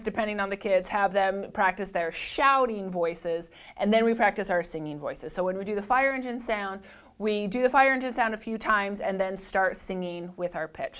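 A woman with a low alto voice teaching a lesson, explaining and then demonstrating sung sirens and notes. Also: a bit bright, smooth. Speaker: music teacher. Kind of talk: instructional talk to camera.

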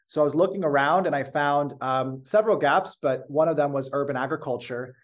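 An American-accented company founder, appearing as a guest in a casual interview, tells his story in a measured, fluent way with the occasional filler. His voice is on the high side.

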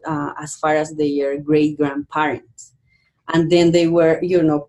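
Interviewed as a podcast guest, this low-voiced woman from Peru works as a university educator. Her tone is darkish, and her thoughtful answers come out haltingly, full of fillers and restarts.

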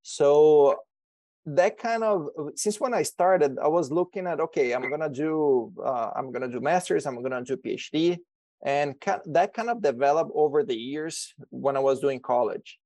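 A man's voice: fairly high pitch, lively intonation, mellow, no echo. Brazilian man, 30s, podcast guest, hesitant restarts, dry sound. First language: Portuguese. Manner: halting, many restarts and repeated words. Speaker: extension educator guest. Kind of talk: podcast interview.

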